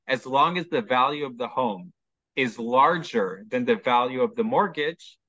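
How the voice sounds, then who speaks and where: Speaking in a Chicago American accent, this medium-pitched man from Chicago, USA sounds bright and forceful as a mortgage specialist walking an interviewer through each step, saying "um" often. The audio is dry and lo-fi.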